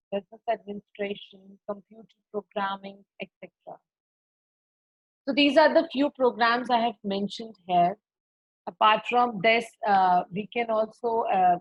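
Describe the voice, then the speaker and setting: A woman's voice: medium pitch, no echo. Brief: woman admissions rep, webinar talk, dull muffled audio, dry sound. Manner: explanatory, lists items, uses fillers. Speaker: university admissions representative. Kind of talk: webinar presentation.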